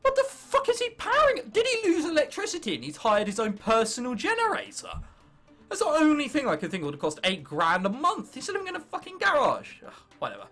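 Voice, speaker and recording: This English gaming host, nineteen, has a very high voice with huge pitch swings, a fairly quick pace and a sharp tone. Faint music plays as he delivers jokey, sweary let's play commentary, cutting himself off and reading the game's text out loud.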